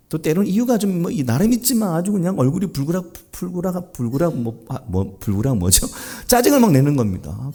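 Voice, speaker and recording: A male pastor delivering a sermon with a husky, mellow voice. His pitch leaps widely, dropping to hushed low asides and climbing to emphatic peaks. He keeps putting rhetorical questions to the congregation. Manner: animated, swings between hushed low asides and raised emphatic lines.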